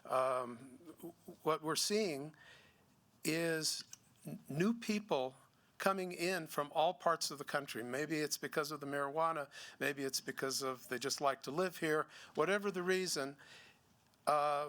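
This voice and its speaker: A middle-aged man, a gallery owner giving a seminar talk, speaking haltingly with many restarts and fillers. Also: fairly high pitch, fairly bright tone. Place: museum seminar room.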